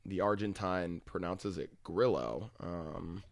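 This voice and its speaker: A man's voice: on the low side, moderate pace, clear, resonant tone, dry recording, clean studio sound. A man hosting a fantasy golf podcast, rattling off stats and picks in a casual, conversational way. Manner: stat-heavy, casual and conversational. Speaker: podcast host.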